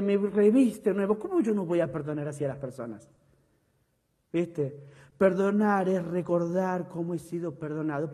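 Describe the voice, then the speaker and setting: A male pastor preaching a sermon, reading scripture with emphasis and then dropping to soft, close asides. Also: sits high. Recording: long hall reverb.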